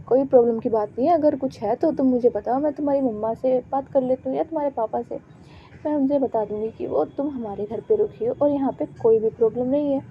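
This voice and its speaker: A woman's voice: high voice, fast, phone-quality sound, a little hiss or hum. A woman voicing a fussy, caring mother. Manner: warm but scolding, motherly.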